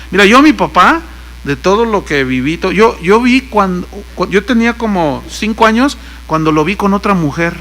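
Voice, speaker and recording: An older man preaches a sermon in a high, bright voice. He tells stories and acts out the lines of the people in them. A faint mains hum sits under the recording. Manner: storytelling, acts out quoted lines. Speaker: pastor.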